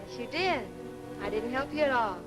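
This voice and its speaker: An actress playing a firm, encouraging physical therapist in 1940s film style. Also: female voice, on the high side, expressive, moderate pace, natural voice. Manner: commanding, encouraging. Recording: old film soundtrack, loud music behind.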